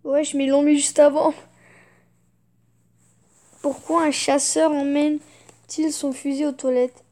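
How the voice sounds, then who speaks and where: High-voiced young woman, slow and mellow. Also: little pitch movement. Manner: fighting back giggles, muttering reactions. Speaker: YouTuber. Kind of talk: reading jokes aloud in a laugh challenge.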